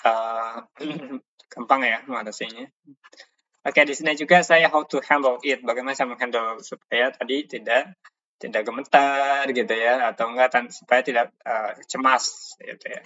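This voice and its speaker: A male instructor walks through his slides, stopping often to search for words and restart his sentences. His voice is bright and forceful. The recording sounds dull and lo-fi. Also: mid-range voice, fairly even intonation. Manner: halting, many fillers and restarts. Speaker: course instructor. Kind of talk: talking through presentation slides.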